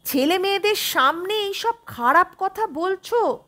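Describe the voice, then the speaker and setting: A woman's voice: extremely high pitch, animated, measured pace, voice pushed up, exaggerated voice. A woman narrator voicing a patient middle-aged husband who scolds his ill wife in an audiobook story. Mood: scolding. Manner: soft, then scolding.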